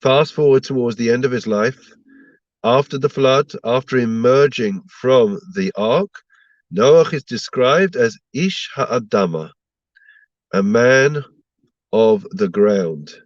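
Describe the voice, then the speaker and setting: A rabbi teaches an online Torah class, his medium-pitched male voice slow and stuffed up from a slight cold. He leans on rhetorical questions to make his points. The recording has no echo, and the high frequencies are cut off.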